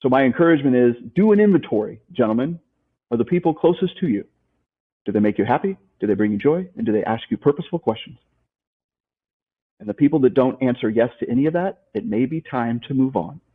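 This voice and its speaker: His mid-range voice is expressive and fast, with a breathy edge, carried over a tinny phone-like line. The man is a motivational life coach in an interview, emphatic, reiterating his key ideas and asking rhetorical questions.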